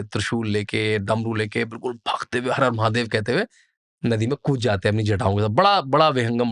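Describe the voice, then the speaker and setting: A man's voice: medium pitch, a bit bright, no echo, clean studio sound. A man, a podcast guest, explaining traditions in a vivid, descriptive way and building scenes with lists. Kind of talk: explanatory storytelling interview.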